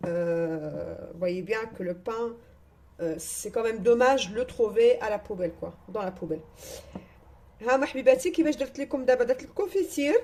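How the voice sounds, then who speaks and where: A woman's voice: fairly high pitch, darkish tone, a little hiss or hum. A woman with a Moroccan accent, a home cook giving a casual cooking demonstration in her kitchen and chatting through each step aloud.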